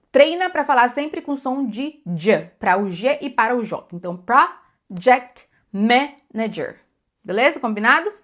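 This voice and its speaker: Brazilian woman, young adult, slightly high voice, chatty English teacher who repeats for emphasis. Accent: Brazilian Portuguese. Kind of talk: casual spoken lesson.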